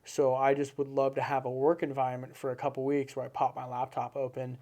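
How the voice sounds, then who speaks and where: Earnest, mellow-voiced man guest. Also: medium pitch, monotone, brisk. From Seattle, United States. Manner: earnest, repetitive emphatic phrasing. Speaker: podcast guest. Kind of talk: casual interview conversation.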